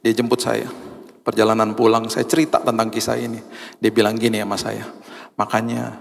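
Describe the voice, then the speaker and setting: A pastor preaching a sermon in a large church, telling a personal story in a colloquial, humorous way. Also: male voice, fairly low pitch, little pitch movement, fairly quick, creaky. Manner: humorous, colloquial, acts out quoted voices. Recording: long reverb of a large church hall.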